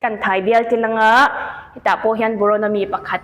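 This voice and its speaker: A woman's voice: mid-range voice, fairly even intonation, fast, big-room sound, highs cut off. A woman teacher working through exam questions, listing and explaining each answer option in turn. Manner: explanatory, lists options one by one. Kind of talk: exam question walkthrough lesson.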